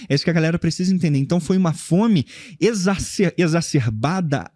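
High-voiced emphatic man explaining history. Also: lively intonation, fast, a little mellow, dry recording. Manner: emphatic, explains with broad hand gestures. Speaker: history guest. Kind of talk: casual podcast conversation. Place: studio room with bookshelves. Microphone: podcast mic on boom arm.

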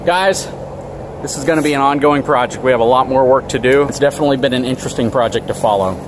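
A man's voice: mid-range voice, quick pace. A man hosting a vlog, upbeat and explaining a trailer project to viewers in a large RV service shop. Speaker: channel host. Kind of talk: casual vlog walkthrough. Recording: noisy shop background.

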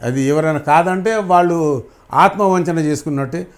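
Middle-aged male actor, interview guest; passionate, emphatic, slightly raised pitch. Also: moderate pace. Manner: fervent, repeats phrases for emphasis. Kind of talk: emotional interview answers.

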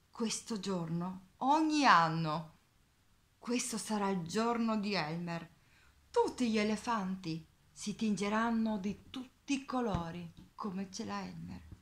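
A woman voicing a cheerful herd of elephants in a storybook reading, speaking excitedly and loudly. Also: medium pitch.

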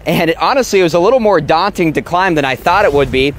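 A man's voice: a little high, lively intonation, fast talker. A young man giving a live television weather report from outdoors. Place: outdoors in a snowy parking lot. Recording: faint outdoor street noise.

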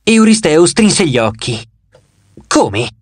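A man's voice: fairly high pitch, big pitch swings, normal speed, dry recording. A man giving a dramatic first-person reading as an audiobook narrator. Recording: dry close studio voice.

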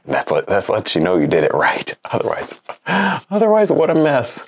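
A man's voice: mid-range voice, huge pitch swings, normal speed, a little hiss or hum. A young man giving a casual painting lesson in a home studio, chatty and self-encouraging, laughing often as he works. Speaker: painting instructor.

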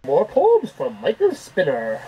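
A man's voice: high-pitched, huge pitch swings, unhurried, exaggerated voice. A man voicing an earnest, theatrical poetry reciter in an amateur home recording. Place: small cluttered bedroom. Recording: dull noisy webcam audio.

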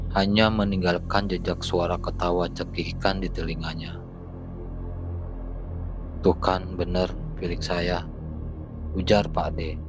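Man, very low voice, monotone, slow horror narration, faint music behind. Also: poor audio. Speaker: horror storyteller.

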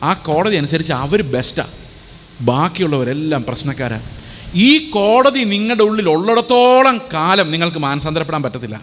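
High-voiced pastor preaching in a hall. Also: male voice, very animated, fairly quick, fairly bright tone, slight background noise. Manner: asks the congregation many rhetorical questions. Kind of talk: sermon.

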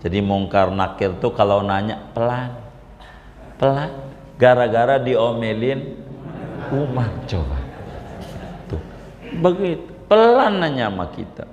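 A male preacher tells stories in a colloquial, unhurried sermon. His slow delivery rings through a large hall, with roomy echo and a long reverb tail. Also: mid-range voice, highs cut off, slight background noise. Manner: storytelling, colloquial, animated. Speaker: Islamic preacher. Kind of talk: informal sermon.

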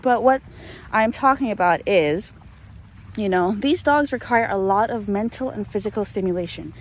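Walking her dog through a rainy, open grassy field, a young woman vlogs on a phone held at arm's length, chatting and ranting about dog training and laughing a lot. Her voice is mid-range at a normal speed. Faint rain ambience sits in the background.

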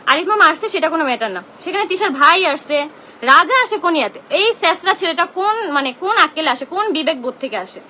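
A woman's voice: extremely high pitch, expressive, racing, bright, forceful tone, a little hiss or hum. A young woman, ranting indignantly on a live stream from her phone at home. She keeps repeating herself and confronts the people she blames. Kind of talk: emotional live-stream rant.

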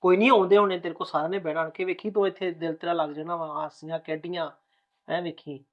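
An actor playing a new husband who rapidly reassures his bride that all is well. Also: on the high side, fairly even intonation, dull audio, natural voice. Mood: soothing. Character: young husband, reassuring and soothing. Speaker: groom. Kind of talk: village family drama acting.

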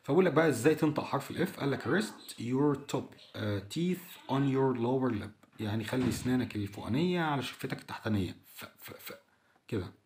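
Egyptian man teaching English, slow repetition. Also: medium pitch, lively intonation, vocal fry, darkish tone, a little hiss or hum. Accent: Egyptian Arabic. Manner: repeats English words slowly and translates each; chatty, addresses the listener directly. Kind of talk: explaining a textbook lesson.

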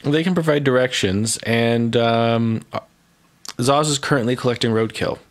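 Mid-pitched man running a tabletop game. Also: unhurried. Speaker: game master. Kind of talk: casual tabletop game narration.

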